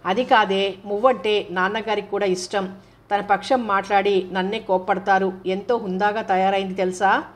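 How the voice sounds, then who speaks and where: A woman's voice: medium pitch, steady tone, moderate pace, natural voice. A woman voicing a playful young man who coaxes his elder sister in an audiobook novel. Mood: coaxing.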